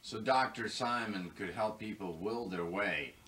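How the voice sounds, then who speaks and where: A man interviewing a guest in a casual, halting way with frequent restarts. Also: on the low side, bright, forceful tone, low-quality recording. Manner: halting, restarts often, fills with uh. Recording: off-mic with faint background noise.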